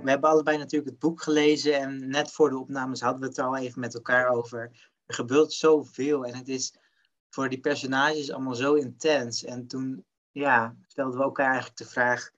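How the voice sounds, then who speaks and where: A young man with a mid-range voice co-hosts a book podcast. He reads a tense passage aloud and chats in a relaxed way, with plenty of fillers and restarts. His talk is easygoing and conversational. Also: medium pitch. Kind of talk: casual book chat with read-aloud excerpt.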